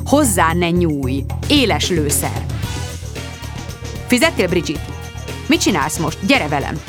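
A woman's voice: fairly low pitch, sing-song, music in the background. Woman doing a curt, stern formal man. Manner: curt, slow and clipped.

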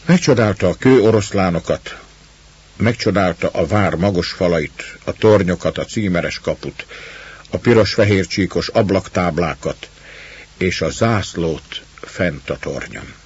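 Brief: calm male story narrator, low and husky, dull lo-fi recording. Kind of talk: storybook reading.

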